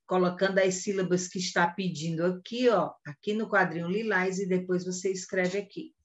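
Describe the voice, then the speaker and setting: A woman's voice: on the low side, fairly even intonation, moderate pace, a little hiss or hum. A Brazilian woman teaching an online lesson to young children, patiently repeating instructions and checking they understood. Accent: Brazilian Portuguese. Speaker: first-grade teacher.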